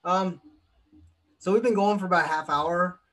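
A man's voice: high-pitched, normal speed, fairly bright tone. A man hosting a podcast interview, talking eagerly and repeating himself. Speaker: podcast host. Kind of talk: casual interview.

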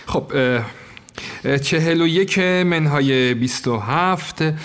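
A man's voice: a little high, fairly bright tone, smooth, natural voice. A man playing a stingy, pedantic employer who lectures and counts out money aloud. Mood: lecturing. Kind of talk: audio drama acting. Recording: long reverb.

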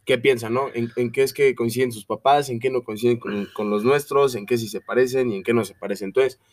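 A young man with a Mexican Spanish accent and a mid-range voice talks briskly as a co-host on a casual podcast, packing his speech with slang. He's animated and acts out his parents' voices to show what they say. He's recorded from a distance.

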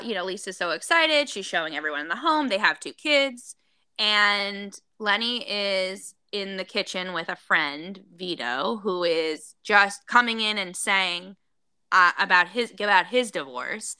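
A woman's voice: medium pitch, measured pace, pushed and bright, clear, resonant tone, no room sound. A woman co-hosting a casual gossip podcast, recounting a story with lots of fillers. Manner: chatty, recounting with many fillers. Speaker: podcast co-host.

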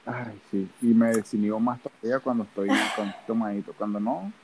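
Venezuelan dude cohosting a podcast, joking around and rambling, bit of faint hiss behind him. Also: male voice, lowish voice, steady tone, brisk. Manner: playful, chatty, rambling. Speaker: podcast co-host. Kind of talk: casual chat.

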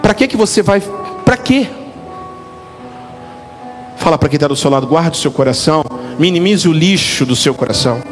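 A middle-aged man, a pastor, preaching a lively, joking sermon straight to his congregation. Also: fairly high pitch, normal speed, long pauses. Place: church hall. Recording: reverberant hall with faint music.

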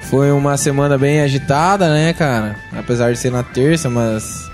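A man's voice: medium pitch, normal speed, darkish tone, soft background music. A man hosting a live radio show in an easygoing, chatty way. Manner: easygoing, laughs while talking. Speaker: radio host. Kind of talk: casual radio banter.

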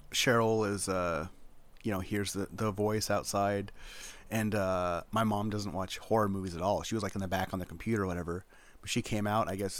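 A man hosting a casual chat, rambling with many fillers and restarts. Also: on the low side. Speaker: podcast host.

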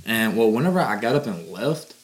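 Fast-talking southern guy telling stories. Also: lowish voice. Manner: animated storyteller, drawling with fillers. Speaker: podcast co-host. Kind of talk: casual chat.

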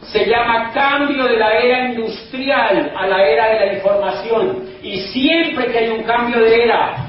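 A man giving an emphatic, persuasive business speech to a live audience, repeating his points and often calling out to the crowd. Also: high-pitched. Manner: emphatic, repetitive, keeps addressing the crowd as "señores". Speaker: motivational business speaker. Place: event hall in Madrid. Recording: very echoey hall, distant mic, dull sound, faint noise.

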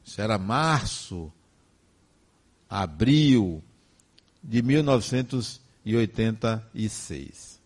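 An older man with a Brazilian Portuguese accent, giving a personal testimony as a spiritist speaker in slow, emphatic, emotive storytelling. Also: lowish voice, expressive.

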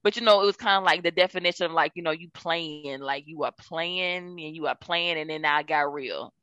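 A woman's voice: sits low, brisk, a bit bright, dry recording, muffled recording. Woman co-host, dry close sound, loose rambling delivery full of fillers. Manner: loose, rambling, lots of fillers like "you know". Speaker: podcast co-host. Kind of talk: casual film discussion.

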